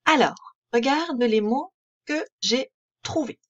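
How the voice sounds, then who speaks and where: A woman with a French accent, teaching a reading lesson to young children in a slow, clear, patient way that spells out each word. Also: high-pitched, animated, a bit bright, muffled recording. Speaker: primary school teacher.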